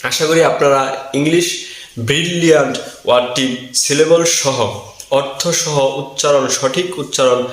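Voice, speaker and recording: A man giving a whiteboard pronunciation lesson, slowly repeating the key word again and again. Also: a little high, echoey room, low-quality recording. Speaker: English pronunciation teacher. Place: indoor room with a whiteboard.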